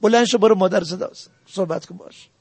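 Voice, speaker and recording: A man's voice: sits high, gravelly, slightly rough, no room sound. A man giving a religious talk on family ethics, earnestly exhorting his listeners and laying out his points one by one. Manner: earnest, exhorting the audience directly. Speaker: religious lecturer.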